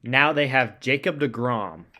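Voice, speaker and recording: A man's voice: medium pitch, a little slow, sharp tone. A man hosting a podcast, talking sports in a casual, enthusiastic way. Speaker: podcast host.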